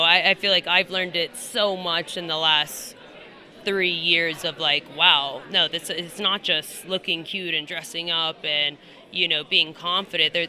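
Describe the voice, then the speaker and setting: A woman's voice: lowish voice, bright, forceful tone. A woman being interviewed casually on a red carpet, speaking in a candid, rambling, emphatic way. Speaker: festival guest being interviewed.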